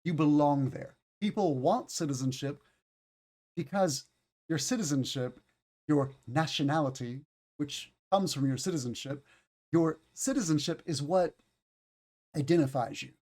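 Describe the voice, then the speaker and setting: A man's voice: fairly high pitch, unhurried, a little mellow. A tired American man with a Southern accent teaches an online English class, patiently explaining and repeating key words. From United States.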